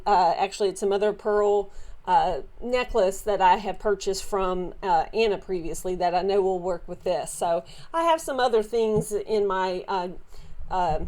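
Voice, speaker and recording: A woman with a Southern drawl talks through her latest finds in a relaxed, chatty way. She wanders off on tangents, restarts her sentences and fills the gaps with "um" and "uh." Her voice sits at an ordinary middle pitch. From Southern United States. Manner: chatty, meandering, many fillers and restarts. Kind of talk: casual show-and-tell haul.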